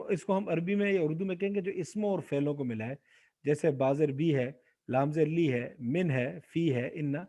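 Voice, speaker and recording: A man with a high voice teaches Arabic grammar over a video call. He explains a point, then puts a question to the class. He keeps asking his students to answer aloud. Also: warm tone. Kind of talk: online Quran Arabic grammar lesson.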